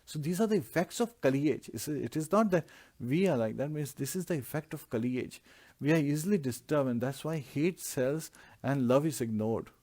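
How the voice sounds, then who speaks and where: A man's voice: on the high side, lively intonation, moderate pace, darkish tone. A man giving a devotional scripture class, explaining Sanskrit verses word by word in earnest preaching tones. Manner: earnest preaching with repeated lists.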